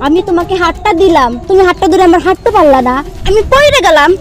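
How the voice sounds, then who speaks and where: A woman's voice: very high voice, very animated, fast talker, faint music behind. A young woman acting a bossy girlfriend in a drama, scolding and impatient.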